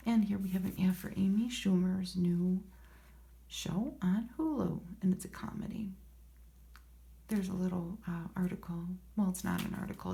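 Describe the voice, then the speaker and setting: Woman, soft voice, ASMR reading, hushed and whispery, dark mellow tone, slow pace, murmured asides. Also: lowish voice, vocal fry. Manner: unhurried, murmuring, rambling asides to herself. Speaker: ASMR host. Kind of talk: soft-spoken ASMR magazine read-through with casual commentary.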